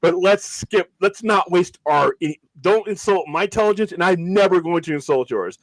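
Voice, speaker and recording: A man's voice: high voice, normal speed, no room sound, rough recording. Emphatic man chatting on a podcast. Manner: animated, emphatic, repeats himself. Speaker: podcast co-host. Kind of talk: casual chat.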